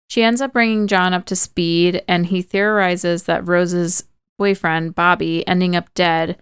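A woman with a very smooth, resonant, crisp voice, pitched a little low, talks through a film's plot in a relaxed, chatty way. She leans on "like" and "kinda" as she goes. The sound is dry and close. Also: no echo. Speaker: podcast host. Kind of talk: casual movie recap.

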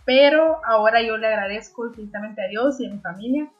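A woman's voice: on the high side, a little fast, lo-fi sound. A woman in her twenties from Honduras, a young entrepreneur answering interview questions with frequent fillers and restarts. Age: 20s. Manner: hesitant, many fillers and restarts.

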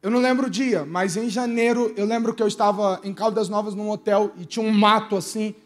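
A young man delivers a testimony from the pulpit. His voice sits very high and he swings between loud exclamations and near-muttered asides as he voices the people in his story. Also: fairly quick. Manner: animated storytelling with quoted dialogue. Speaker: preacher. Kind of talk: testimony sermon.

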